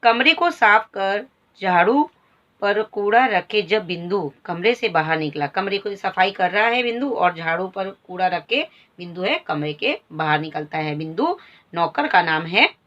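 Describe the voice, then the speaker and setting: A woman's voice: medium pitch, animated, a little slow, fairly bright tone. A woman teacher walks through a textbook story in an ordinary mid-range voice. She reads each line and then restates it in simpler words for her students. The recording has a slightly dull, lo-fi sound. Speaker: Hindi teacher. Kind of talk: explaining a textbook story lesson.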